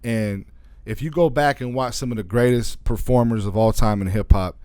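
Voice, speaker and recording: A man's voice: mid-range voice, moderate pace, darkish tone, no room sound. A man from Arizona, a DJ and radio station owner, talking loosely as a guest in an interview and often adding "you know what I'm saying.". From Arizona, USA. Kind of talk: casual interview talk.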